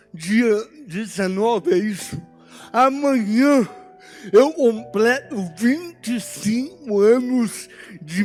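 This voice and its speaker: A Brazilian preacher from Minas Gerais with a very high voice speaks slowly and with feeling. He tells a story from his own life and acts out the dialogue. Soft church music plays behind him. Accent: Brazilian Portuguese, Minas Gerais. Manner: emotional storytelling, acting out dialogue. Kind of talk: sermon with personal story.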